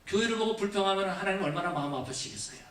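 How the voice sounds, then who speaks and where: A male pastor preaching a Thanksgiving sermon. He questions the congregation again and again and moves between raised emphasis and quiet, low asides. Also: lively intonation, rapid-fire. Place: church sanctuary. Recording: echoey church from far off.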